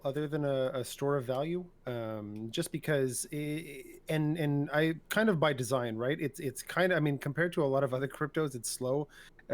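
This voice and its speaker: Hesitant man on a group call. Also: on the high side. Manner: hesitant, many restarts and "right?" tags. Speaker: discussion participant. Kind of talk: casual group discussion on a video call. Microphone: video call.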